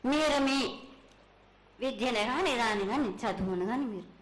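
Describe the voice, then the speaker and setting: A woman speaks as an oracle in a prophetic trance, commanding and halting, addressing devotees as her children as a mother goddess would. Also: on the high side, lively intonation. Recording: echoey, faint background noise at public ritual.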